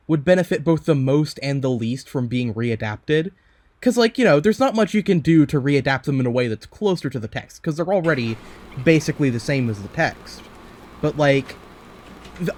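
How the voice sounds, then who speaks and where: A man's voice: mid-range voice, a little mellow, a little hiss or hum. A man co-hosting a podcast, talking in a loose, rambling way with lots of fillers, restarts and swearing. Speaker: podcast co-host. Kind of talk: casual chat.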